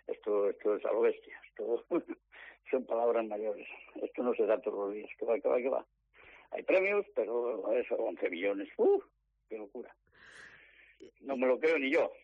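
A man tells his story over the phone, eagerly acting out each exchange. His voice sits at a middle pitch. The tinny, narrow phone line sounds close and dry. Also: normal speed, pauses often, husky, no room sound. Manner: animated storytelling, acts out quoted dialogue. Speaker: lottery ticket seller. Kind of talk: interview on the phone.

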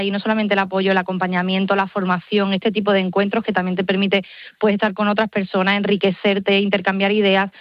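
Young woman, radio guest, quick, enthusiastic, dry, lo-fi sound. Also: mid-range voice, no room sound. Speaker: digital missionary guest. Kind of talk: phone-in radio interview. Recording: slightly dull lo-fi line.

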